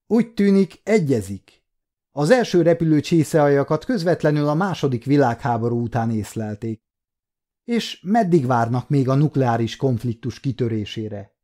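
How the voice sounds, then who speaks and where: A man voicing a furious, aggressive human prisoner who talks in shouting, breathless outbursts, in a storybook reading. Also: mid-range voice, lively intonation, close to an everyday voice.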